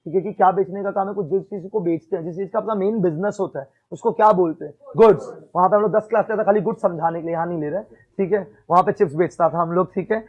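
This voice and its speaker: In a classroom lecture mixing Hindi and English, a male accounts teacher speaks in a high voice at a racing pace, frequently checking "ठीक है?" and quizzing his students. The audio sounds dull.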